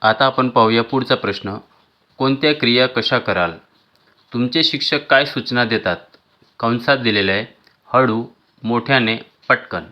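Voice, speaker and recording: A man teaching, reading textbook exercise questions and their answers aloud in a measured, item-by-item way. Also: medium pitch, muffled recording. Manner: measured, listing answers one by one.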